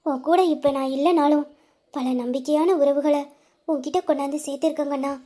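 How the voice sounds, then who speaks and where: A woman playing a soothing, high-voiced mother. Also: fairly even intonation, a little fast, close to an everyday voice. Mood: tender soothing. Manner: soft, soothing, reassuring. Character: loving mother gently consoling her son. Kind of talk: Tamil audio drama acting.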